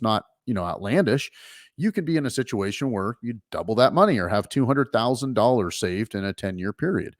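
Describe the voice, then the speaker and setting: A middle-aged man with a voice on the low side hosts a finance talk show, explaining things casually with many fillers and restarts. He's a financial advisor and the show's host, recorded dry with clean studio sound.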